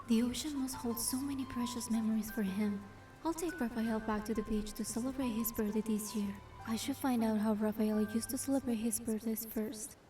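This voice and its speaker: A woman voices a young heroine narrating a romance game in first person, with a fairly high, very mellow voice and a gentle, measured manner. Her acting is light, and quiet music plays in the background.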